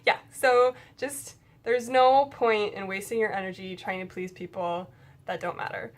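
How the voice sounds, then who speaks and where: A woman's voice: mid-range voice, steady tone, unhurried. A young woman talking casually to camera about writing, frank and chatty, swearing now and then. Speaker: writing vlogger.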